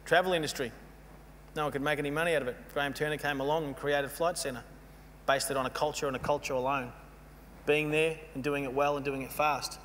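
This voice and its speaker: A man giving a storytelling keynote speech, animated and mocking as he acts out scenes. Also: a little high, fairly quick. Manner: animated, mocking, playfully acts out quoted voices. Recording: long hall reverb with faint hum.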